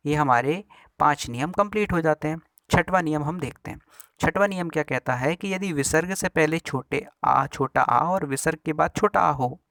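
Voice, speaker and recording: Higher-pitched man teaching grammar, dry sound. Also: a bit bright, no room sound. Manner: repeats rules slowly, spells out examples syllable by syllable. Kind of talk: classroom lesson explaining rules with examples.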